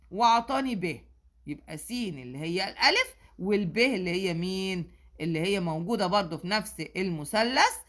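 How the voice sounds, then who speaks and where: A woman's voice: mid-range voice, fairly bright tone. A woman with an Egyptian accent, a math teacher working through exam questions and checking in with students often. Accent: Egyptian Arabic. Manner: patient, asks "okay?" often. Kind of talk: explaining exam answers.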